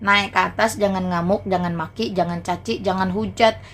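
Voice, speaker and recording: A woman's voice: medium pitch, fairly even intonation, moderate pace. A woman hosting a livestream who preaches combatively, mocks and taunts her viewers, and repeats phrases to hammer her point home. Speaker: livestream host.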